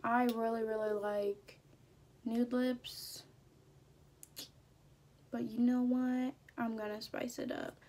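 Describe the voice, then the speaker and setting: A woman's voice: on the high side, flat delivery, slow, pauses often, warm tone. A young woman chatting casually through a makeup tutorial in a playful, slangy way. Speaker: beauty vlogger.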